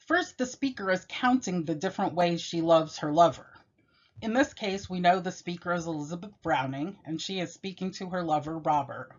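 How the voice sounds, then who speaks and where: A woman giving a measured, explanatory poetry lesson and reading the poem aloud. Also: fairly low pitch. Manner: measured, explanatory, with occasional self-corrections. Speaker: teacher. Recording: dull, lo-fi.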